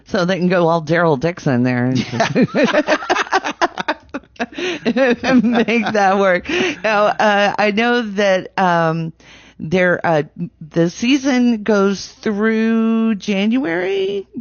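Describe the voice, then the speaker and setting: Woman, radio host, casual interview chat, chatty storyteller, medium pitch, dry room, dull lo-fi recording. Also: sing-song, extremely slow, vocal fry, dry recording.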